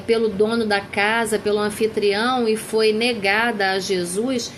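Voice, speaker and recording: A woman giving a Bible lecture, earnest and slowing down to dwell on key words. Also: on the high side, slight background noise, low-quality recording. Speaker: Bible teacher. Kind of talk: theology lecture.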